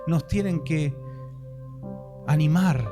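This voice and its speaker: A man's voice: fairly high pitch, takes it slowly, over music. A man preaching a sermon as pastor, impassioned and rising into fervent prayer.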